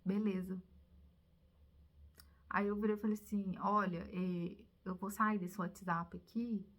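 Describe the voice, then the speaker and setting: A woman's voice: mid-range voice, normal speed. Brazilian woman confiding a personal story. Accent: Brazilian Portuguese. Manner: animated, confiding, drops to whispers at times. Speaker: vlogger. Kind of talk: casual storytelling to viewers.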